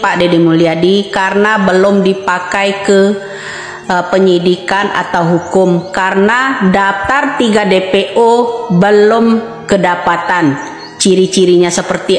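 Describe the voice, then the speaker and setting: A woman in her fifties giving an impassioned monologue, insistently repeating rhetorical questions. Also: medium pitch. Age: 50s. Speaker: online commentator. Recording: echoey reverberant room.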